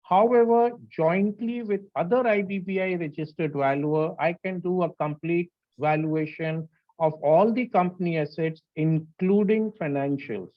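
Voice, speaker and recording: A man's voice: high voice, unhurried. Male lecturer, North Indian accent, insistent and explanatory, repeats himself; dull, muffled recording. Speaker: lecturer, registered valuer. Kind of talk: explanatory lecture with audience questions.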